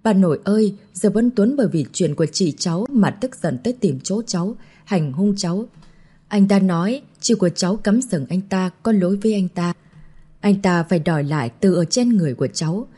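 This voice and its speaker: A woman's voice: mid-range voice, expressive, brisk, dark tone, husky. A woman reading an audiobook, voicing a young woman who sobs and pleads tearfully. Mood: sobbing, pleading. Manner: tearful, wailing pleas.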